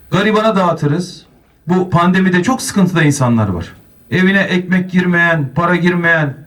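A man's voice: on the high side, distant mic. A man, a mayor, giving an earnest public speech at a podium microphone.

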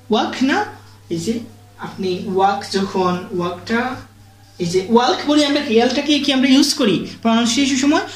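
A woman teaches grammar in a lively, swooping voice, pitched a bit high. She keeps checking that her students follow, asking questions and then answering them herself, and she stretches out her example sentences slowly. The room around her is echoey. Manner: repeats "ঠিক আছে?" after each point, asks and answers herself; slow, drawn-out English example sentences. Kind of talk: online grammar lesson.

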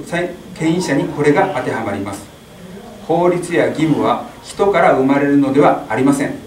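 A man's voice: a little high, a little hiss or hum. Middle-aged man reading a sermon translation. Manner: steady reading with small slips. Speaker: interpreter at a Mass. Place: small chapel. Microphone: stand mic. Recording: echoey chapel, distant mic.

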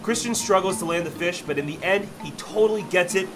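A young man's high, brisk voice carries this voice-over about his first salmon, recorded for a fishing vlog. He sounds excited and earnest, and loud background music accompanies him.

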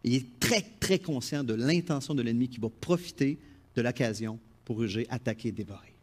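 A middle-aged man with a Quebec French accent delivers a sermon in a voice of ordinary pitch. He preaches with animation, rising into loud emphatic phrases and dropping into quiet, confiding asides. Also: animated, brisk. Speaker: pastor.

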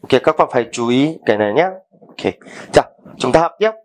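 A man teaching a language lesson, explaining vocabulary and repeating each word slowly, often asking if students understand. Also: mid-range voice, lively intonation.

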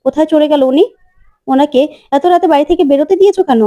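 A woman's voice: high voice, fast, dark tone, no room sound, lightly acted. A woman voicing a distraught grown son. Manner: pleading, emotional.

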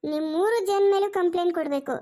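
A woman's voice: very high voice, fast talker, mellow. A woman voicing a bold young heroine in a cartoon, commanding and indignant. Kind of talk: cartoon voice acting.

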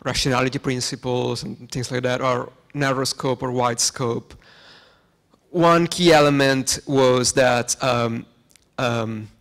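A man's voice: mid-range voice, fairly even intonation, slow, fairly bright tone. A young man in a lecture hall audience asking a long academic question into a handheld mic, with many ums.

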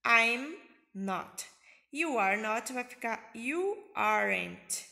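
Slow, bright-voiced Brazilian teacher. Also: female voice, a little high, animated, gravelly. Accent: Bahia Brazilian Portuguese. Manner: slow, patient, repeats English examples and translates them. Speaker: English teacher. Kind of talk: online grammar lesson in Portuguese.

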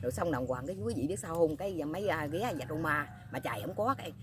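Fast-talking woman storyteller. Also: deep voice, lively intonation, crowd noise. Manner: rambling, chatty, keeps asking viewers "you know what?". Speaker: vlogger. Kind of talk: casual storytelling to viewers.

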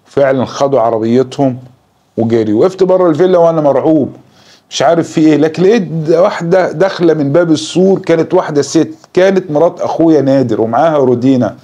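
Man telling a dark horror tale. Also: fairly high pitch, dull audio. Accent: Egyptian Arabic. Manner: slow, dramatic storytelling. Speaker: storyteller. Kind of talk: horror story narration.

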